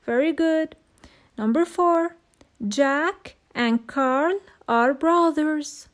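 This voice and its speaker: A woman teaching young children English over slides, slow and patient, repeating each word. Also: sits high. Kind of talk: recorded slide lesson for children.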